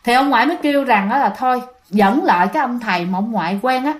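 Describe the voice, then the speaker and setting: A woman narrates ghost stories in a chatty, dramatic manner. Her voice sits high, and she keeps speaking straight to her listeners. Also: expressive, fast. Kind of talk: casual storytelling to listeners.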